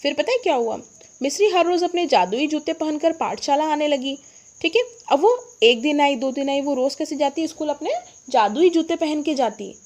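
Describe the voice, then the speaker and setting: A woman's voice: high voice, animated, moderate pace, a little mellow. A woman teacher explaining a story lesson to children, often asking the class questions and answering them herself. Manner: asks the class rhetorical questions.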